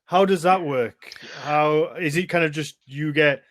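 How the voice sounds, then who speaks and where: A man's voice: fairly high pitch, measured pace, fairly bright tone. A man hosting a podcast, asking questions in a casual, conversational way. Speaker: podcast host. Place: indoors on a video call.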